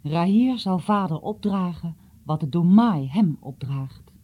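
A grieving, devout mother in a storybook scolds her son in a dark, husky voice, as a woman reads her. Her tone is reproachful and tearful. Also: on the low side, expressive, unhurried.

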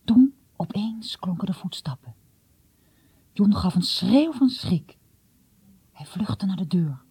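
A woman reading a story aloud in a hushed, often half-whispered, suspenseful way. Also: medium pitch, animated, slow, slightly rough, dry recording. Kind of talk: dramatic read-aloud storytelling.

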